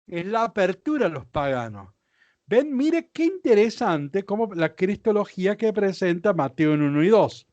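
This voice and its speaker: A man teaching a Bible lesson from slides, explaining step by step and often asking his listeners whether it is clear. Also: sits high, big pitch swings, moderate pace, a little mellow, dry recording, highs cut off. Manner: explanatory, checks understanding with questions. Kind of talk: lecture with slides.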